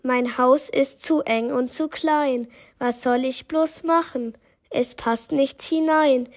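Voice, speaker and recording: Woman as a frantic grandma, high voice, loud rhyming outcries. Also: takes it slowly. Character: frantic old grandmother, crying for help. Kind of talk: rhyming story reading.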